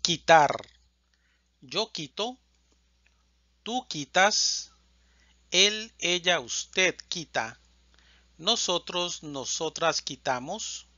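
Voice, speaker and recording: Brief: male language teacher, very slow, careful enunciation of each form, slightly higher voice, dry and slightly dull recording. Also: animated, sharp tone, no room sound. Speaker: Spanish teacher. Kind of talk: slow, deliberate conjugation drill.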